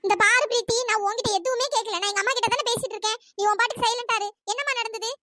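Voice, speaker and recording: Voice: very high-pitched, steady tone, racing, noisy background. A performer voicing a level-headed young daughter in a cartoon story, reasoning firmly.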